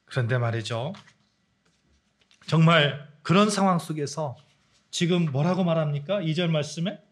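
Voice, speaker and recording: Emphatic Korean pastor preaching a sermon. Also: male voice, normal speed. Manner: dramatic swings in pitch and volume, leads congregation in reading. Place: church sanctuary.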